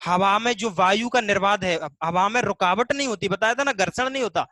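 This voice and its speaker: A man's voice: high voice, fairly quick, sharp tone, no room sound. A man teaching a live online Hindi class, explaining step by step, voicing students' questions himself and stretching vowel sounds to demonstrate them.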